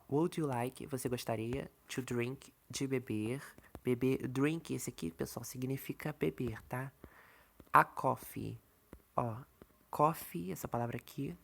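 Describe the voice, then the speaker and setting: Gravelly man teaching English. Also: mid-range voice, a little mellow. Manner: repeats filler checks like "tá" and "entendeu", explains slowly. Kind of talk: casual online lesson.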